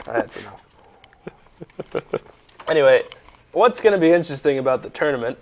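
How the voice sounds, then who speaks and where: A man's voice: mid-range voice, very animated, moderate pace, darkish tone, a little hiss or hum. Joking young man co-hosting sports talk. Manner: joking, teasing, sarcastic. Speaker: sports show co-host. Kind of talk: casual sports talk banter.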